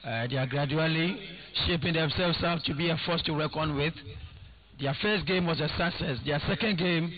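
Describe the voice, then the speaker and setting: A man's voice: fairly high pitch, moderate pace. A man giving football analysis as co-commentator, with a hesitant delivery and frequent fillers. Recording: dull audio with crowd behind.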